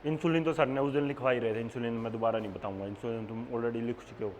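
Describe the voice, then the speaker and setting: A man's voice: medium pitch, fairly even intonation, quick pace, a little mellow, dull audio. A young man with a Haryanvi accent teaching a nursing exam class in a casual, joking manner. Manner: joking, chatty, addresses students as beta. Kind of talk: classroom lecture with casual banter. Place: classroom with online students. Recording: classroom with long reverb and faint background noise.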